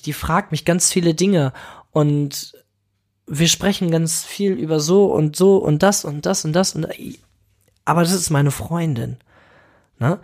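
A man hosting a casual podcast monologue, outspoken and emotional, swearing freely and now and then dropping in English exclamations. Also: fairly high pitch. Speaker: podcast host.

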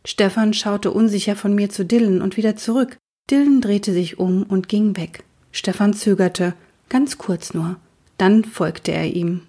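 A woman reading a children's book aloud, then speaking gently and directly to her young listeners as host of a reading series. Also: mid-range voice, unhurried, slightly rough.

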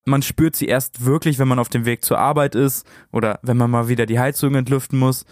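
A man with a medium-pitched voice co-hosts a podcast. He narrates in a conversational way, recorded dry and free of room echo. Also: fairly even intonation, brisk, darkish tone. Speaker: podcast co-host.

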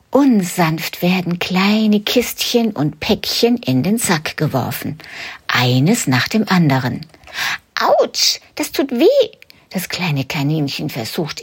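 A woman reads a children's story as a whispered role-play, soft and hushed like a bedtime tale. Her breathy voice moves slowly, with a lively, sing-song rise and fall. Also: lowish voice.

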